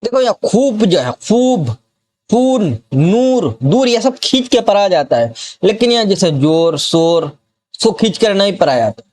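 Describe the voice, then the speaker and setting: A man's voice: high-pitched, sing-song, moderate pace, a little mellow. A man with a Bihar accent teaching a grammar lesson, who repeats example words one at a time and keeps asking if the student has understood.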